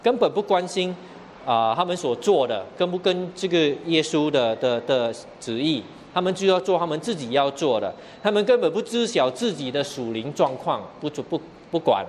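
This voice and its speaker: A man's voice: a little high, expressive, moderate pace, slight background noise. A man preaching a sermon, explaining scripture verse by verse and often asking the listeners rhetorical questions. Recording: long hall reverb, faint ambience.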